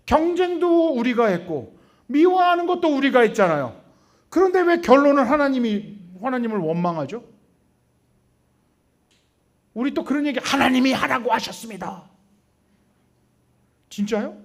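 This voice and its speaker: A man preaching a sermon in church, talking to the congregation with rhetorical questions, sudden loud stresses and quiet asides. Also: sits high. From Korea. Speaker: pastor. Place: church sanctuary.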